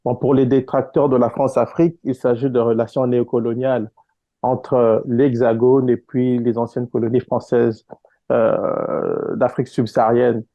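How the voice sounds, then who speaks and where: A man's voice: medium pitch, flat delivery, dry recording. Man explaining, muffled call audio. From Congo (DRC). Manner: measured, explanatory, frequent hesitations. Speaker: guest author. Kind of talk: interview answers. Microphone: online call.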